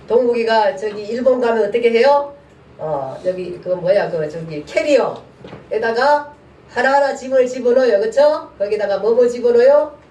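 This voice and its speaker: A man's voice: very high-pitched, a little mellow. A male pastor teaching a Bible class in a chatty, colloquial way, often putting questions to his students. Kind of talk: casual Bible class lecture. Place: church classroom. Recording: echoey room, mic far off.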